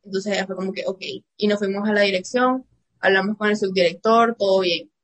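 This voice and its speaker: A woman's voice: medium pitch, steady tone, fairly quick. A young woman from Venezuela with a Venezuelan accent, a student guest telling a personal story with many fillers. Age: young adult.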